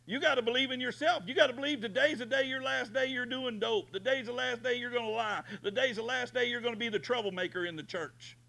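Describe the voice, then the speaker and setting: A man preaching a booming motivational sermon as a pastor, emphatic, folksy and repetitive in his exhortation. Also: fast talker, gravelly, few pauses. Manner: emphatic, repetitive exhortation, swinging from hushed to shouted.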